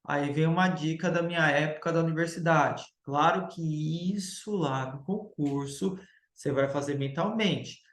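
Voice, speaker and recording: A man's voice: fairly high pitch, a bit bright. Man teaching grammar in an echoey room. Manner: explanatory, checks in with the class using quick tag questions. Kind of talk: recorded grammar lecture.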